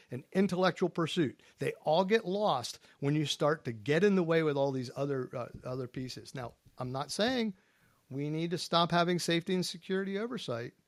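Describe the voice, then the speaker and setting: A man's voice: fairly high pitch, no echo. A man on a panel podcast, talking in an emphatic, folksy way and posing rhetorical questions to his co-hosts. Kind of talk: casual panel discussion.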